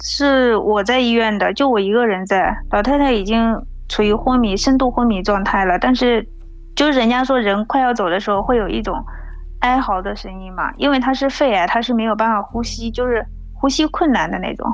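A woman's voice: a little high, fairly quick, no echo, dull audio. A woman in her thirties from mainland China tells a personal story plainly and unhurriedly, with small restarts. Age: 30s.

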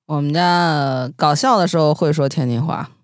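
Speaker from lanzhou, witty quick remarks, casual chat, middle pitch, dry close sound. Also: no room sound.

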